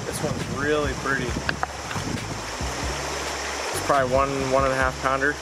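A teenage boy vlogging a fishing trip by a creek, chatty and excited, filmed on an action camera outdoors. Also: medium pitch, moderate pace, loud music behind the voice. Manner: excited, chatty, says dude a lot. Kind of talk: casual outdoor vlog narration.

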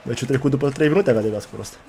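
A man with a dark, mellow voice cracks jokes and swears through a tournament match. He hollers at the big moments, and there is faint noise behind him. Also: mid-range voice, gravelly. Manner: joking, swearing and hollering at the game. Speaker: gamer playing in a tournament. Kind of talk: casual gaming banter.

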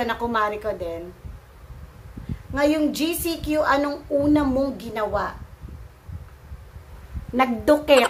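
Playful woman from the philippines doing a q&a vlog, slow talker, kinda high voice, faint hiss behind. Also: fairly bright tone. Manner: playful, teasing, laughs often. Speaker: vlogger answering viewer questions. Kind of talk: casual Q&A vlog.

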